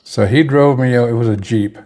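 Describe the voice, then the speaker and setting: A man's voice: mid-range voice, fairly quick, darkish tone. A man telling a personal story in a casual, rambling way, often stopping to correct himself mid-sentence. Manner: rambling, with restarts and self-corrections.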